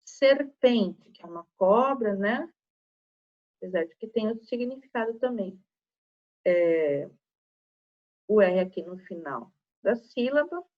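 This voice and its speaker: A woman's voice: medium pitch, expressive, slow pace, pauses often, muffled recording. A woman teacher with a Brazilian Portuguese accent giving a recorded spelling lesson to children, patiently stretching out example words syllable by syllable.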